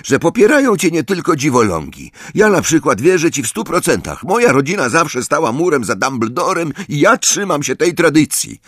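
A man voicing a pompous, earnest teenage wizard boy in an audiobook, speaking loudly. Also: fairly high pitch, sing-song, moderate pace, few pauses, slightly rough, dry recording, clean studio sound, pitched above the performer's own voice, heavily acted. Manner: pompous and loud.

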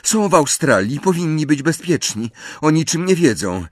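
A high, fretful teenage girl witch who is quick to argue and sure of her own reasoning, as a man reading the book puts her on. The pitch swings widely from line to line. The recording is close and dry, with no room sound. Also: big pitch swings, dry recording. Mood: worried. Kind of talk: audiobook reading.

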